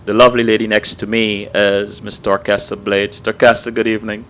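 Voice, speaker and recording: A man hosting a studio talk show, a bit hoarse and hesitant with frequent ums and restarts. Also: lowish voice, level tone, fairly quick, fairly bright tone, a little hiss or hum. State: losing his voice. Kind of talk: studio interview.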